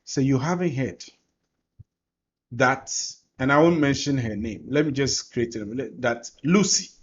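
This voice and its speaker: A man's voice: medium pitch, a little slow, dull audio, slight background noise. A man from Ghana with a Ghanaian accent, teaching through personal stories and repeating phrases for emphasis. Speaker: course presenter. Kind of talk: personal storytelling in a lesson.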